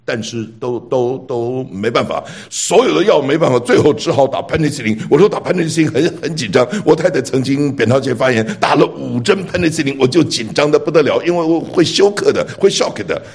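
Gravelly, husky preacher. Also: male voice, medium pitch, a little fast, hardly any pauses. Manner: animated, rhetorical questions, stammered restarts. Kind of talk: sermon storytelling.

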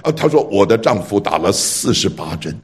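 A man preaching a sermon through a personal story, with an animated delivery, rhetorical questions and stammered restarts. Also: on the low side, normal speed, husky.

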